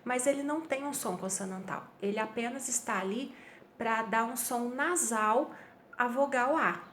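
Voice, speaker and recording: A woman's voice: on the high side, normal speed, a bit bright, a little hiss or hum. A Brazilian woman teaching a Portuguese grammar review class, explaining patiently and checking in with her students often.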